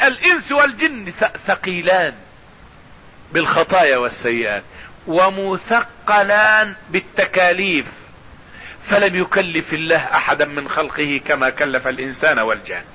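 A man's voice: on the high side, a little fast, sharp tone. A man giving a Quran commentary lesson, explaining patiently, repeating phrases and reciting verses. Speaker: religious teacher. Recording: dull lo-fi radio broadcast.

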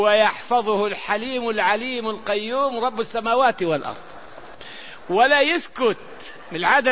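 Preacher type: man, high voice, animated storyteller, dull lo-fi sound with faint background hiss. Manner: animated storytelling with recited verses. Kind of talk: sermon. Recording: dull lo-fi recording.

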